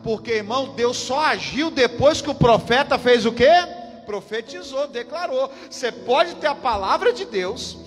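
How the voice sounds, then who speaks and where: A man's voice: very high-pitched, lively intonation, normal speed. A man with a Brazilian Portuguese accent, a pastor preaching a fervent, emphatic sermon at a church service and calling out to the congregation. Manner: emphatic, repeats lines, calls out to the congregation. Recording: reverberant church hall with music behind. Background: music and congregation.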